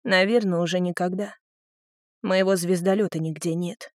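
A woman reading an audiobook, voicing a quiet, gloomy teenage boy who speaks softly and subdued. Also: lowish voice, fairly even intonation, normal speed, no echo, studio quality, lightly acted. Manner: soft, subdued.

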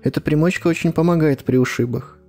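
A man's voice: fairly high pitch, fast, warm tone, soft background music, voice pushed up, natural voice. A man voicing a courteous, evasive male novelist who talks around things. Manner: smooth, courteous, rambling.

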